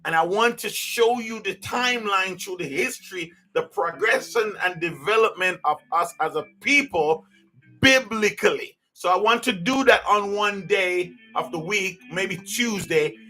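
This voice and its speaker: High-voiced man, earnest and rambling. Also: a little slow, bright, forceful tone. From Jamaica. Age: 50s. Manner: earnest, rambling with many restarts. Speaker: podcast host. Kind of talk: unscripted personal monologue.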